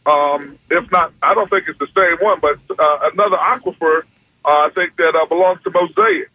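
Radio call-in man heard over the phone, earnest and measured, on a muffled, close line with no room sound. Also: fairly high pitch, no echo. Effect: heard through a phone line on a radio call-in. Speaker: caller to a radio show. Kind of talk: call-in comment. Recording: dull, dry phone line.

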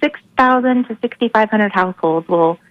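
A woman's voice: a little high, moderate pace, no room sound. Woman on a dull, dry phone line. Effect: over the phone. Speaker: county social services manager. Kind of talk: caller explaining a program on air.

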